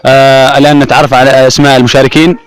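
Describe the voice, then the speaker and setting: A man's voice: medium pitch, little pitch movement, racing. A man hosting a contest show in formal announcer phrasing, calling out questions, winners and prizes. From Yemen. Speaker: host of a Ramadan contest show. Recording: crowd noise behind. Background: crowd of participants.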